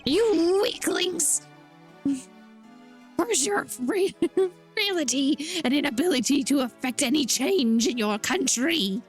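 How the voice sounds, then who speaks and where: A woman's voice: sits high, expressive, slow pace, faint music behind, pitched above the performer's own voice. A woman voicing a brash, pushy, indignant young character in a video game. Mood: outraged. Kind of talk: acted video game dialogue read-aloud.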